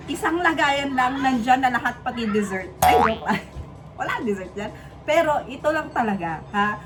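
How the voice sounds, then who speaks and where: Chatty Filipina mom vlogging at home. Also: female voice, high-pitched. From Philippines. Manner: chatty, self-mocking, playful asides. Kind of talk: casual vlog chat. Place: home kitchen.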